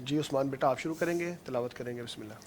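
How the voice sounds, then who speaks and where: A man with a Pakistani Urdu accent teaching Quran recitation, gently correcting and encouraging his pupils step by step. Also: mid-range voice. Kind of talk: patient classroom instruction.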